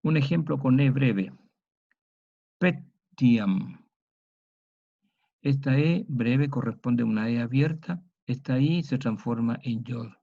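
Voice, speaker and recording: Gravelly-voiced man lecturing. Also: mid-range voice, warm tone. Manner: slow, methodical, spells out sounds and examples. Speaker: teacher. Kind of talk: historical grammar lecture. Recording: dull lo-fi recording.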